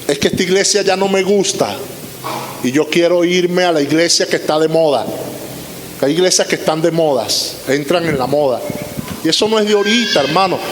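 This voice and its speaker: Preaching in a church sanctuary, a pastor in his fifties delivers a sermon built on emphatic repeated lists. His voice runs high and fairly quick, with roomy hall reverb and faint hiss on the recording.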